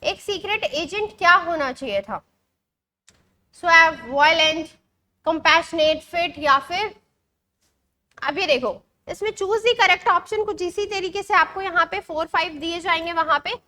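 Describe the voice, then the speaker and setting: A woman's voice: very high-pitched, bright, forceful tone. A young woman with an Indian accent teaching an exam-prep English lesson online, mixing Hindi and English and checking in with her students often. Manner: switches between Hindi and English, reads passages slowly; checks in often with short questions.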